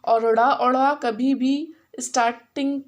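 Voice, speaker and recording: A woman teacher with an Indian accent, mixing English and Hindi, spelling words out slowly syllable by syllable in a phonics lesson. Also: sits high, fairly even intonation. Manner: slow, syllable-by-syllable spelling aloud.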